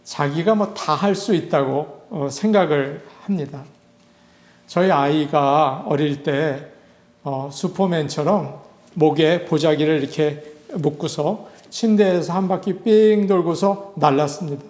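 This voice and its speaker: Higher-voiced male pastor preaching in a roomy space. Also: measured pace, darkish tone. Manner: conversational preaching, acting out quoted voices. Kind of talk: sermon.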